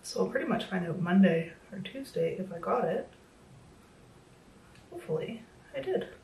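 Here the vlogger, a woman in her thirties, is very animated at a moderate pace, her mid-range voice a little mellow but slightly worn as she starts to lose it. She talks through her makeup tutorial casually, full of fillers and self-deprecating jokes. Recorded indoors in a small home room, the audio has roomy echo, a bit of hiss or hum, and some distance from the mic.

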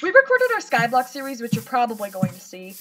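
A woman's voice: a little high, wildly swooping pitch, faint music behind. A young woman hosting her channel, chatting casually and playfully while gaming with a friend, often giggling. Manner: giggly, playful, quick to joke. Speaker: channel host. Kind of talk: casual gameplay chat. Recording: distant mic with loud background noise.

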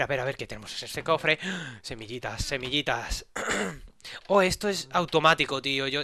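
Bright-voiced Spanish gamer guy. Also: mid-range voice. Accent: Spain Spanish. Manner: chatty, curious, talks to himself while exploring. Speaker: gaming YouTuber. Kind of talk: casual gameplay commentary.

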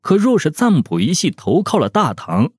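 A man narrating a novel as an audiobook with expressive storytelling. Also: fairly high pitch, normal speed, slightly rough, no echo, studio quality.

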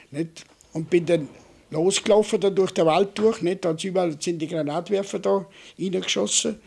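An older man with a Vorarlberg Austrian accent tells his story in halting bursts, breaking in with "nicht?" again and again. His voice sits fairly high for a man and has a gravelly, husky grain. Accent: Vorarlberg Austrian German. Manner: halting, repeats words and keeps adding "nicht?". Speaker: war veteran interviewee. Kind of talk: oral history recollection.

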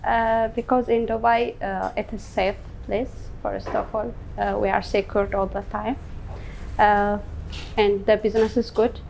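A woman in her thirties from Ethiopia, a salon owner answering interview questions in simple English with many pauses and fillers. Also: medium pitch, little pitch movement, vocal fry, darkish tone, slight background noise. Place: indoor room. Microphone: lapel mic.

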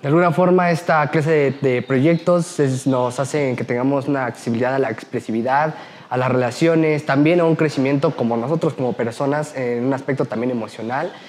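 A man's voice: medium pitch, brisk, darkish tone, a little hiss or hum. Earnest young male student actor. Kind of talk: casual interview.

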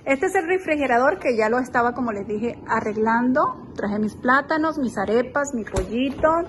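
In a slightly high voice with lively intonation and normal speed, a woman shows off a beach rental for her vlog, chatting enthusiastically and calling viewers "girls." She holds her phone while walking, and there's slight background noise.

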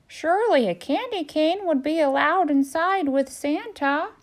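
A woman voicing an anxious, desperate male turkey who gobbles and pleads in a squeaky voice. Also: animated, unhurried. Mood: pleading.

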